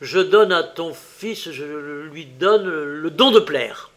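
A man voicing a proud, easily angered female fairy in a storybook reading, speaking loudly and sharply. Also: a little high, expressive, takes it slowly. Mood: lofty. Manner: loud, sharp and huffy.

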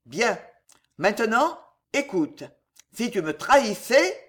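A woman's voice: on the high side, big pitch swings, takes it slowly, voice pushed up, exaggerated voice. Woman doing an icy, mocking queen. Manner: icy and taunting. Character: cold, cruel, mocking queen, older woman.

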